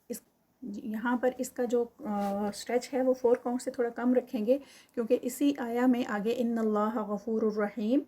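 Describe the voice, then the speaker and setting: A woman teaching Quran recitation. She chants verses slowly and drawn out, then explains the rules quickly, mixing in English counting terms. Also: a little high, dark tone. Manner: mixes English counting terms into her speech.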